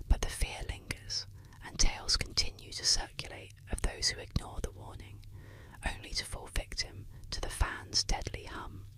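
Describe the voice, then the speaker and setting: A narrator telling eerie legends in a breathy, unvoiced ASMR whisper, with scripted, suspenseful delivery. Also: pushed and bright.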